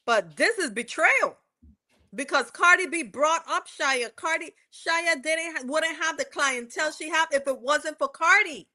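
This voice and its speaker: Here a high, bright, pushed voice belongs to a livestream host from the West Indies. She chats casually about court testimony she's recapping, wandering off track and self-correcting a lot.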